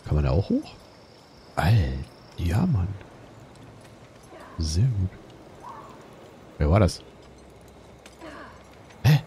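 A man commenting on his own gameplay, excitable, swearing and repeating panicked exclamations. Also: low-pitched, very slow, long pauses, slight background noise. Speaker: let's play gamer.

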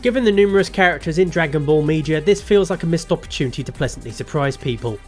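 A sardonic man in his thirties presents scripted gaming commentary. His delivery is wry and animated, with wide swings in pitch. Faint music sits behind him. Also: fast. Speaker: host of a gaming commentary show.

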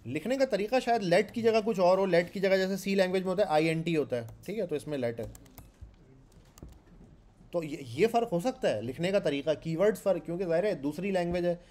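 A man's voice: high voice, expressive, fairly quick, a little mellow. A man with a Pakistani Urdu accent giving a classroom programming lecture in a conversational way, often asking the class questions and repeating his points. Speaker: programming instructor. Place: classroom with students.

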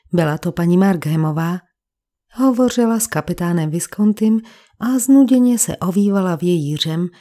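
A woman's voice: medium pitch, mellow. A woman narrating a detective story as an audiobook reader, giving each character a slight change of voice. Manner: reads all characters with small shifts in voice. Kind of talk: scripted crime story narration.

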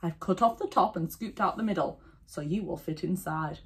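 A woman's voice: lowish voice, moderate pace, natural voice. A woman voicing a caring, clever young granddaughter in a children's story. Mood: reassuring.

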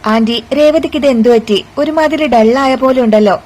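A woman's voice: sits high, normal speed, a little mellow, lightly acted, low-quality recording. A woman voicing an offhand, chatty young woman relative.

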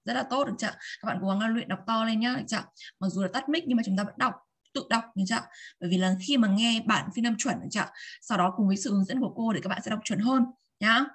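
A woman teaching vocabulary in an online class. She repeats each word slowly and keeps checking that her students are following. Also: on the high side, slightly rough. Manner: models words slowly and repeats them. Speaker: English teacher. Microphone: video call.

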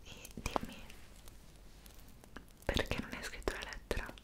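A young woman voicing a kind, motherly Mrs Claus in an ASMR roleplay, whispering up close and coaxing with gentle questions. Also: unhurried, natural voice. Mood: caring. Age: young adult. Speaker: ASMR creator. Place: indoor room decorated for Christmas.

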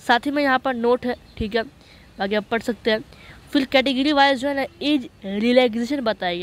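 A man walking viewers through a job notice in a voice-over on a screen recording. He talks in a chatty way, keeps checking that listeners follow, and reads English passages slowly. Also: very high-pitched, fairly bright tone. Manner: chatty, repeats "okay" to check understanding. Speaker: online job-notice explainer.

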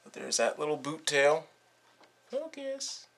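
Sitting on a couch in his living room, a young fishing vlogger shows off his tackle for his channel, talking slowly in a fairly high voice. He rambles in a relaxed way, full of fillers, and laughs softly now and then. A camera mic picks him up at close range.

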